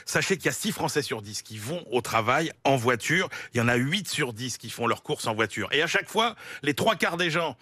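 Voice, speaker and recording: A male radio columnist explains numbers in a chatty, hesitant way, often pausing to find his next point. His voice is bright and forward. It is recorded dry and close in a studio. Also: medium pitch, lively intonation, slightly rough, no echo. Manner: walks through statistics with frequent hesitations. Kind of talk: explanatory news segment.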